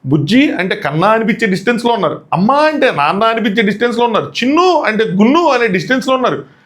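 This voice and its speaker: A man hosting a casual comic review, mocking and excitable with slangy asides. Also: sits high, quick pace. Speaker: show reviewer and host.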